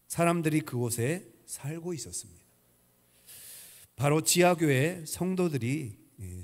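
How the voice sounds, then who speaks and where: A man pastor delivers a sermon with a fairly high voice, telling a story in solemn tones that drop to a near hush at the saddest points. His words ring out with a long church reverb around them. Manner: solemn storytelling, softening to a hush at tragic moments.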